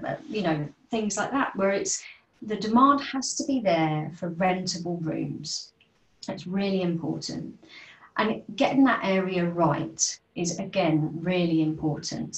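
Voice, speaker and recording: Brief: woman, property-investment talk, chatty and full of ums, slightly low voice, picked up from a distance. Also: darkish tone. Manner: explanatory, many fillers and restarts. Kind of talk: informal presentation on a video call. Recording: echoey room, distant from mic.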